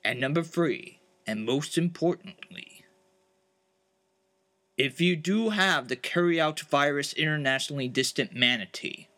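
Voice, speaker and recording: A man voicing an eccentric male time-travel scientist who patiently lays out rules in a calm, explaining manner. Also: on the high side, measured pace. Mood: calm, lecturing. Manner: calm, explanatory, earnest rule-giving.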